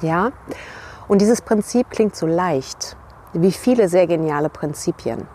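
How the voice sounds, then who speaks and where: Woman coach talking to camera by a river, lowish voice, reflective, faint outdoor hum behind. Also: lively intonation, a little slow, dark tone. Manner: reflective, addresses the viewer directly with tag questions. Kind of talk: motivational talk to camera.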